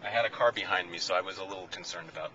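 A man calmly explaining a car demonstration while driving, in a casual, matter-of-fact way with small restarts, recorded on a phone video inside a moving car. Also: sits low, very fast. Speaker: car company demonstration driver. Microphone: handheld phone camera held by the passenger. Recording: dull lo-fi phone video, a little off-mic, faint road noise.

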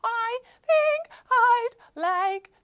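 A polite chicken in a children's puppet play, voiced by a woman. It speaks very high and slowly, squealing out its words in a halting, drawn-out way. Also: animated, dry recording, lo-fi sound, exaggerated voice. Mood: eager, polite.

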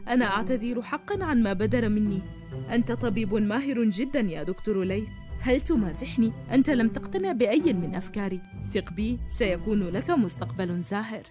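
A woman voicing a confident, mysterious male doctor with a smooth, reassuring manner in a cartoon story. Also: mid-range voice, animated, a little fast, music in the background, close to an everyday voice.

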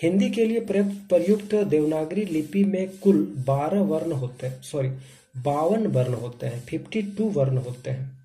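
A man with a fairly high, mellow voice gives a grammar lesson. He works through examples one by one in a steady, methodical way, like a teacher at a board. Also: moderate pace.

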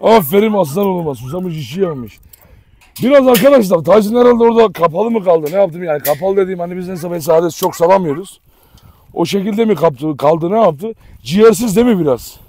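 Man, fairly high voice, casual outdoor dog vlog, coaxing and chatty. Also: lively intonation, fairly quick, a little mellow. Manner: coaxing, talks to dogs and viewers by turns. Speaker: dog owner and channel host. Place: outdoors with dogs.

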